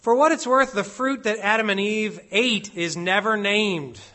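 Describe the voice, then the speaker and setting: A man preaching an expository sermon, slow and deliberate, stressing each word as he reads out Hebrew and Latin phrases. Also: high voice, bright, forceful tone.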